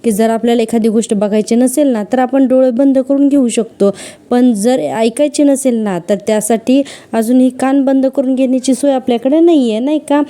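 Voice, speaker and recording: A woman's voice: sits high, moderate pace, warm tone, natural voice. A woman putting on the voice of an irritated, short-tempered young wife while retelling a serial, scolding and exasperated.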